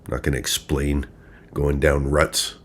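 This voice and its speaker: A man's voice: a bass voice, flat delivery, a little slow. A man hosting a true crime livestream, rambling in a wry, sarcastic way while drinking a little. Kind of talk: casual live ramble commentary.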